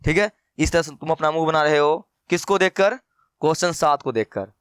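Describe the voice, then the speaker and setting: Slightly high and a little fast, this man's voice is fairly bright, clear and resonant, recorded in echo-free studio quality. His math lesson is a teasing, playful lecture delivered straight to his students, complete with acted-out replies and viewers addressed as "brother."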